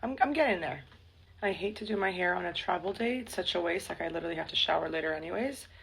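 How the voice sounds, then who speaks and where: A woman's voice: on the low side, animated, fast, vocal fry, a bit bright, breathy edge, low-quality recording. A young woman telling stories in a casual morning vlog, chatty and full of "like", filmed on a phone. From United States. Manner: chatty storytelling, frequent "like". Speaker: vlogger. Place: indoors at home while traveling.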